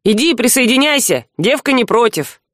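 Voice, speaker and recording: A woman reading an audiobook voices a surly, rude young man in a lowered, drawling, sneering tone. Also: very animated, moderate pace, a bit bright, no echo, clean studio sound. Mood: mocking.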